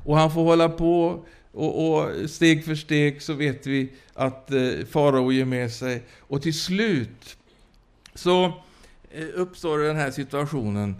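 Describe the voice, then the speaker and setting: Halting, higher-voiced male preacher. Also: clear, resonant tone. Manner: halting, with many fillers and restarts, exclaiming "hallelujah". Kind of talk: sermon with personal testimony.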